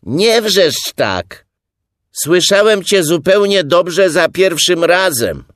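A man voicing a grumpy, evasive male rabbit in a high, snappish voice. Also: sing-song, slow pace, fairly bright tone, clear, resonant tone, dry recording, clean studio sound, full character voice. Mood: irritated.

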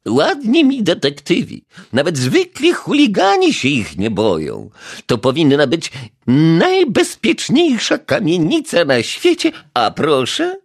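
A man voicing an irritable elderly widow neighbour in an audiobook, with a shrill, huffy, scolding falsetto. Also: wildly swooping pitch, slow pace, husky, exaggerated voice. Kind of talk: audiobook character voice.

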